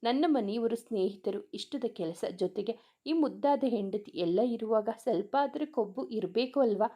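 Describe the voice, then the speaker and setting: A woman voicing a loving young husband who coaxes his wife with soft endearments. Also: a little high, animated, normal speed. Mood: tender.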